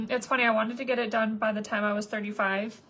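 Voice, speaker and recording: A woman's voice: on the high side, level tone, fairly quick, a bit bright, a little hiss or hum. A woman in her thirties chatting casually to viewers while doing her makeup, rambling with lots of fillers. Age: 30s. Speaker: makeup vlogger.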